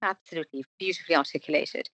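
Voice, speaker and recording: A woman in her fifties from North London, a podcast guest telling a family story in a measured, earnest way. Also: sits low, a bit bright, dry recording, poor audio. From Britain, North London. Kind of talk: personal storytelling in interview.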